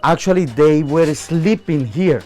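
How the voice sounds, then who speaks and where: In a bakery, a Colombian chef acting as a local guide explains things to a visitor in an on-location interview. He speaks earnestly with frequent restarts and fillers, in a slightly high, animated voice with a warm tone, unhurried, while faint music plays behind him.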